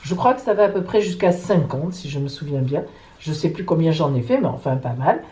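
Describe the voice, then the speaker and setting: A woman hosting her own astrology vlog in a casual, chatty way. Her voice is warm and mellow, and her pitch rises and falls in lively swoops. She talks playfully, dropping little jokes as she goes. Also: fairly quick, rough recording. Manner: chatty, playful, jokey asides. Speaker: psychic astrologer.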